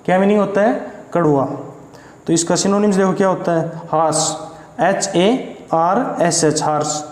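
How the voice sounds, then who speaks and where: A man's voice: high-pitched, a little mellow. A man teaching English vocabulary, speaking with an Indian accent, spelling each word letter by letter and correcting his own slips. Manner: spells words letter by letter, slow and deliberate. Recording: echoey room with long reverb.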